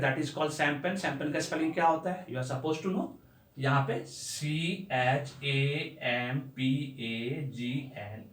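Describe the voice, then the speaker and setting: A man teaching an English lesson in an explanatory way, spelling words out letter by letter, recorded with roomy echo from a distance from the mic. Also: a little high. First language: Bengali.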